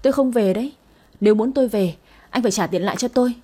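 A woman's voice: a little high, quick pace, mellow, close to an everyday voice. A woman voicing a defiant young woman who turns to sobbing for her father. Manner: pleading, sobbing.

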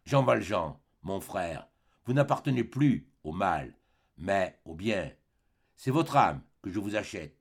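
An elderly bishop speaks in a lifted, gravelly voice, as a male reader puts him on. He is kindly, serene and forgiving, and his tone rises and falls a lot as he offers gentle words in a storybook reading. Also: sits high, sing-song, moderate pace, voice pushed up, full character voice. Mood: solemn. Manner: warm, solemn, forgiving.

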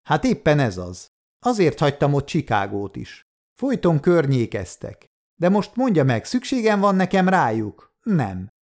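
A man reading the part of a cagey small-time male thief who pitches stolen goods bluntly. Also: wildly swooping pitch, a little mellow. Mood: pitching.

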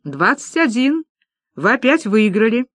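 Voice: mid-range voice, very animated, measured pace, a bit bright, no echo, pitched above the performer's own voice. A narrator voicing a courteous, well-trained male casino croupier who announces bets formally.

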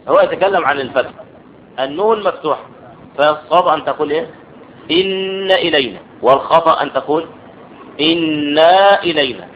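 A fairly high-voiced man with an Egyptian accent teaches a grammar class, explaining patiently and stopping to ask whether everyone follows. The recording sounds dull and lo-fi, with a faint hiss of noise behind him. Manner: explanatory, checks understanding with quick questions.

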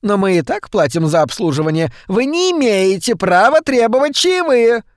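A man voicing a grotesque, spider-like old woman who screeches and demands in a high, shrill voice. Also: sing-song, normal speed, dry recording, studio quality. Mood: scornful.

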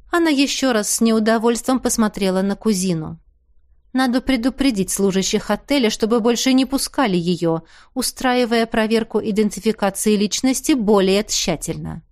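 A woman narrating a novel aloud in an even, measured storytelling voice. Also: medium pitch. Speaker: audiobook reader. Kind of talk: scripted narration.

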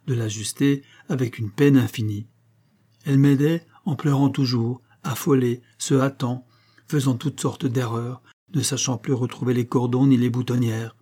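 A man reading a classic short story aloud as narrator, in a measured storytelling manner. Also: medium pitch, mellow, breathy edge. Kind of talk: scripted audiobook narration.

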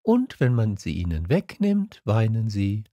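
A man reading an audiobook and voicing a gentle, curious little boy prince with earnest, wondering questions. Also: lowish voice, wildly swooping pitch, unhurried, no echo, dull audio, exaggerated voice. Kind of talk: audiobook character voice.

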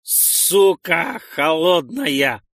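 A man's voice: mid-range voice, moderate pace, a bit bright, no room sound, studio quality, close to an everyday voice. A man voicing a coarse former farmer who swears and barks at the others. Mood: angry. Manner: gruff, swearing, barking. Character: coarse male ex-farmer, foul-mouthed and surly. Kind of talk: audiobook character voice.

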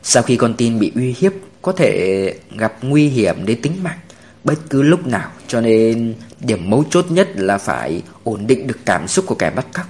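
A man voicing a calm male police officer who explains things in a measured way. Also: medium pitch.

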